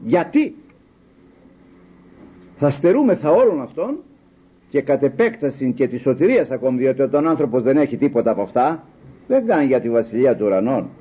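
An older man giving a sermon, telling stories with quoted dialogue and rhetorical questions, in an animated, husky voice. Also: fairly high pitch, muffled recording. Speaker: lay preacher.

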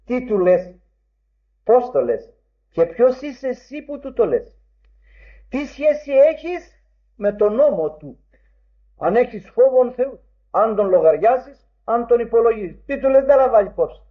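A man with a high voice delivers a sermon in formal, old-fashioned phrasing. He is emphatic, and his voice climbs further whenever he quotes. The recording is dull and lo-fi. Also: sing-song, long pauses. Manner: emphatic, rising sharply when quoting. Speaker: preacher.

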